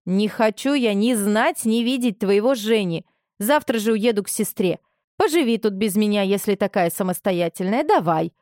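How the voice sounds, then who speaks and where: A woman's voice: medium pitch, moderate pace, darkish tone, no room sound, studio quality, close to an everyday voice. A woman voicing a domineering, reproachful middle-aged mother who scolds her grown daughter with indignant questions. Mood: indignant scolding. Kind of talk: audiobook character reading.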